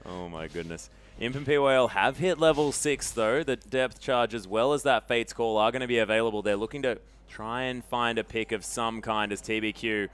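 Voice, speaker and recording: A man giving live play-by-play commentary on an esports match, getting loud and excited in the fights. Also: normal speed, few pauses, clean tone, faint music behind. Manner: excitable, rises loud and high during fights.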